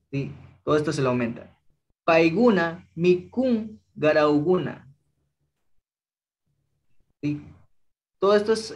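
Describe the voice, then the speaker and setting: A young man with an Ecuadorian Spanish accent teaching an online language class, patient and slow, often checking in with his students. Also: a little high, lo-fi sound. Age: young adult. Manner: patient, slow drilling of phrases, checks in with frequent "¿sí?".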